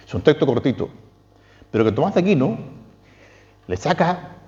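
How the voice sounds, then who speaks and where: A man's voice: moderate pace, long reverb tail, muffled recording. A man with a Chilean accent, a priest giving a spiritual lecture, posing questions and quoting texts with emphatic rises. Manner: lively, questioning, quotes texts with emphatic pitch leaps.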